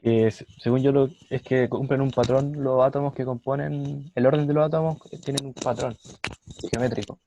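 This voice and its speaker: A young man answers his teacher's question in an online class, his voice held at an ordinary mid pitch. He sounds hesitant and a little unsure of himself. Clear background noise rides along with his voice on the call. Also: steady tone, normal speed. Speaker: student. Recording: noisy video call line.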